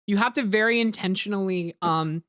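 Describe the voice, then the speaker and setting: A woman's voice: medium pitch, fairly quick, fairly bright tone, dry recording, studio quality. A woman hosting a casual group commentary, talking informally with fellow cast members. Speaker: host of the commentary.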